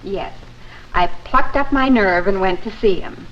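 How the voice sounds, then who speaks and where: A woman's voice: medium pitch, measured pace, lightly acted. An actress playing a polite, conscientious churchwoman in a 1950s promotional film, speaking in an earnest, proper way. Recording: muffled, noisy 1950s film soundtrack.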